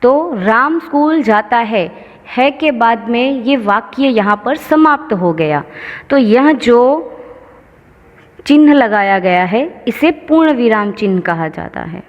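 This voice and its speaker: A woman teacher giving a slow, patient grammar lesson, explaining each example step by step. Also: a little high, expressive. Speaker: school teacher. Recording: lo-fi with long reverb.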